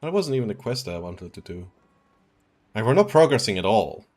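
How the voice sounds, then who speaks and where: Chill guy in his 20s from switzerland rambling on a game stream, kinda low voice. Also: big pitch swings, a little fast, darkish tone. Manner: rambling, laid-back, chuckles often. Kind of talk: casual stream chat. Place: at home.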